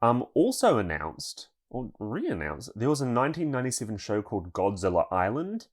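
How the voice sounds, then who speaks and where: A man's voice: mid-range voice, wildly swooping pitch, moderate pace. A man co-hosting a podcast, chatting casually through a news segment and laughing now and then. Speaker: podcast co-host.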